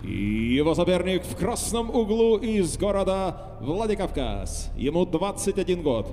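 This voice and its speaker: A man's voice: very animated, a little slow, warm tone. A man making formal, declamatory fight introductions as a ring announcer, stretching out names. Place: large indoor fight arena. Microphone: handheld microphone. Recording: booming arena PA with long reverb, noise.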